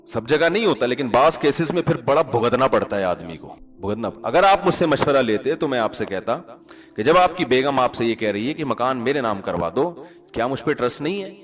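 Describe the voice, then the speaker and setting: A male Islamic scholar giving a conversational sermon, lively and wry, asking rhetorical questions and chanting Arabic verses now and then. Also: medium pitch.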